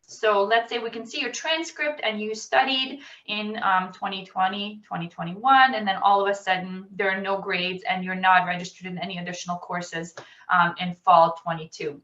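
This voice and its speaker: Over distant, roomy and dull video-call audio, an admissions officer walks through the rules in a webinar presentation. Her voice is mid-range, steady and fairly bright, at a moderate pace. She is methodical but says um often.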